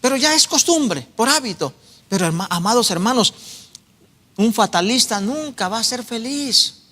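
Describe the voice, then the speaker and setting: A man's voice: extremely high pitch, lively intonation, normal speed, bright, forceful tone. A middle-aged man preaching a sermon as pastor. He is earnest and tells stories to exhort his congregation, in an echoey church hall.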